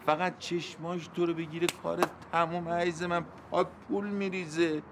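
A man acting a pushy middle-aged landlord, sweet-talking, higher voice, noisy background. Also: little pitch movement, lightly acted. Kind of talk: TV drama acting.

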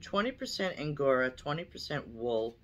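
A woman's voice: rumbling low, lively intonation, moderate pace. A woman vlogger unboxing her yearly yarn haul at home, chatting unhurriedly and reading out the labels. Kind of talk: casual unboxing chat.

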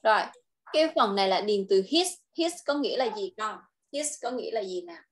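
A woman with a Vietnamese accent tutoring English, patiently coaxing and modelling sentences slowly. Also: mid-range voice, lively intonation. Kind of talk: online tutoring lesson.

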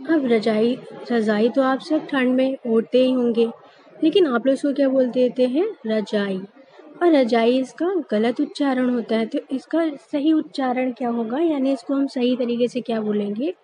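A woman teaches small children in a high, mellow voice. She asks questions and answers them herself, drawing each word out to show how it is spoken. Faint noise sits under the recording. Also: rough recording. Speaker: school teacher. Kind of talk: online class lesson for young children.

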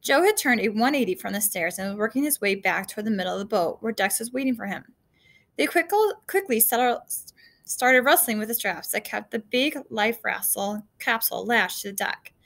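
A woman's voice: mid-range voice, expressive, fairly quick, a bit bright. A woman reading a children's adventure novel aloud, casual, with slips and asides to her listeners.

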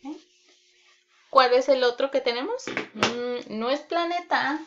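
A woman teacher giving a children's reading lesson online, speaking deliberately, repeating words and checking in with "ok?" often. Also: high voice, a little hiss or hum. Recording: dull lo-fi recording.

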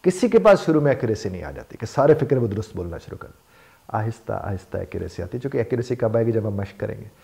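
Man, life coach, mellow voice, explains with examples. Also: fairly low pitch, lively intonation, very fast, gravelly. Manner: explains with everyday examples, repeats phrases for emphasis. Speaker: life coach teaching spoken English. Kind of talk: motivational lesson.

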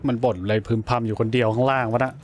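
A man's voice: mid-range voice, fairly even intonation, racing, slight background noise. Cursing, jumpy man playing a game. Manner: blunt, swears freely, jumpy exclamations. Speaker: gaming streamer. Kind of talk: casual let's-play commentary.

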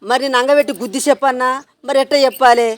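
A woman's voice: sits high, steady tone, music in the background. A woman, nagging and scolding over and over in a scripted village prank skit. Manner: nagging, repetitive, rapid scolding.

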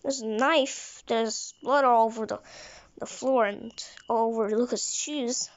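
A woman's voice: fairly high pitch, unhurried. A woman voicing a blunt, trigger-happy male police officer who rambles and restarts his sentences. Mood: grim. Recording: dull lo-fi recording.

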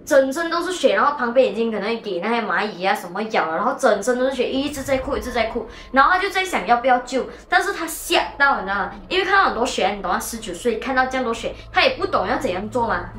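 A woman hosting a show and telling a ghost story casually, animated and mixing in English words. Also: on the high side, fast, hardly any pauses, a little hiss or hum. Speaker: host and storyteller. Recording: echoey room with faint music.

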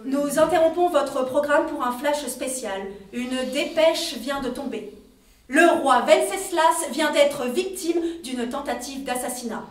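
A young woman playing an earnest television news anchor in a stage parody, formal and measured. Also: high voice. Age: young adult. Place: indoor theatre stage. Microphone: far camera. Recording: echoey theatre stage, distant mic.

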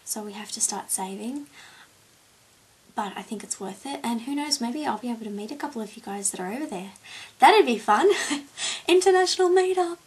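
A woman's voice: on the high side, a little fast, darkish tone, slightly rough, rough recording. A young woman chatting casually to camera as a vlogger, answering tag questions with plenty of ums. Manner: rambling and chatty, with many ums. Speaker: beauty vlogger.

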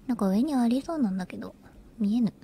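A woman's voice: fairly high pitch, lively intonation, fast, mellow, husky. A woman streaming a video game, giving casual commentary, muttering and grumbling, and whispering text as she reads it. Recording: background noise.

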